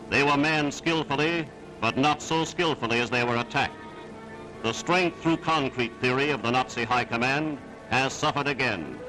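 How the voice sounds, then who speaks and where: Man, mid-pitched, old newsreel narrator, declamatory and emphatic, under loud music. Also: low-quality recording. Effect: old newsreel recording.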